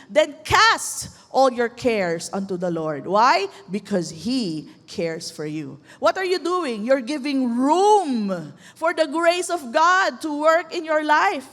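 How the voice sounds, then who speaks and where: A woman pastor with a Filipino accent preaching a sermon in a mix of Tagalog and English. She calls out for amens and slows to a soft hush on key lines before rising loud again. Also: high voice. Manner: switches between Tagalog and English, asks the crowd for amens; slows right down and softens on key lines, then rises loud. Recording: long hall reverb.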